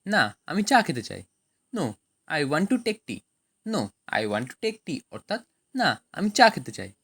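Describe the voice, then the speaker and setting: Woman teaching translation with lively pitch. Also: slow, breathy edge. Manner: reads each sentence in Bengali, then English, then explains. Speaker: language teacher. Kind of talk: scripted translation lesson.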